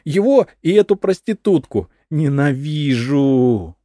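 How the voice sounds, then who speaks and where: Brief: a shrill, paranoid housewife, very high and frantic, for an audiobook. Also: female voice, animated, takes it slowly, mellow, no echo, studio quality, exaggerated voice. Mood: shrill, unhinged. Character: hysterical paranoid housewife, shrieking and unhinged.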